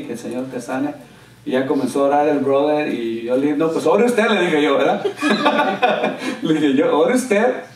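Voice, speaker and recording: A man preaching a sermon as a pastor, telling a story and acting out what people said with an excited, animated delivery. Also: medium pitch. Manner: animated storyteller, quoting others with raised excited voice. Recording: roomy church sound, from a distance.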